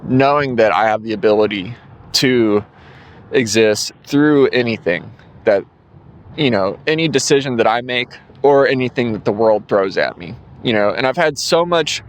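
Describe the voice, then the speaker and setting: A man's voice: medium pitch, expressive, moderate pace. A man, hosting his own podcast alone. He rambles loosely with plenty of ums and yawns now and then. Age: 20s. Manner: rambling, full of fillers, yawning. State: drowsy, yawning. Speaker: podcast host. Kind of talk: casual solo podcast monologue.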